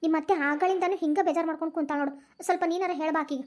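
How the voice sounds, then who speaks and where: A woman's voice: extremely high pitch, fairly even intonation, very fast. A woman voicing a kind middle-aged woman who consoles her friend, in a Dharwad Kannada accent. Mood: consoling. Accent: North Karnataka Dharwad Kannada. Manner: soothing, coaxing. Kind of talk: cartoon voice acting.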